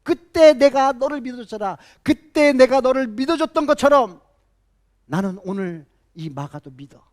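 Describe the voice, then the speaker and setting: A man's voice: medium pitch, unhurried, long pauses, darkish tone, voice pushed down, natural voice. A preacher voicing a reproachful biblical man.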